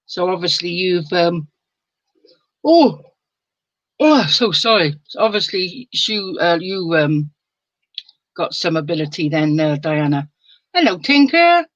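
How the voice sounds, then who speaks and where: A woman's voice: lowish voice, expressive, slow pace, long pauses, dry recording. An older woman talks unhurriedly to her live-stream viewers from home, sleepy and prone to yawning. She laughs a lot between lines and reads comments aloud. The sound is dry and a little muffled, like a cheap home microphone. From England. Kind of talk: casual live-stream chat.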